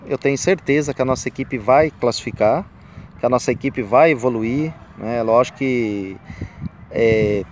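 A man, a football coach, speaking haltingly with many fillers in a recorded interview clip made outdoors. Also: mid-range voice, a little mellow, a little hiss or hum.

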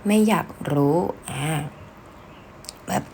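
A woman's voice: takes it slowly, darkish tone, a little hiss or hum. A Thai woman teaching everyday spoken Japanese in a casual lesson, patiently explaining and modeling example phrases.

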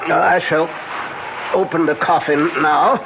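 An actor playing an older, authoritative professor who hunts vampires, speaking deliberately with hesitant pauses in a 1970s radio drama. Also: male voice, fairly high pitch, fairly even intonation, gravelly. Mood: solemn, explaining. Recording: noisy, dull vintage radio recording.

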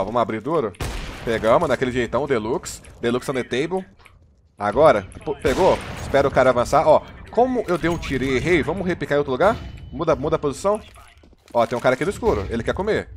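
A Brazilian man streams a shooter, rattling off slangy, excited play calls at a rapid clip. His voice sits at a middling pitch, with a faint hiss of background noise under it. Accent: Brazilian Portuguese. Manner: hyped, slangy banter, calling plays. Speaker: gaming streamer. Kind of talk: live gameplay commentary with teammates.

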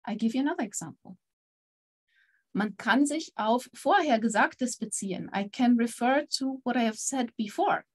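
A woman's voice: a little high, lively intonation, normal speed. Upbeat woman teaching German online. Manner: encouraging, switches between German and English explanations. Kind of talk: online language lesson with quiz.

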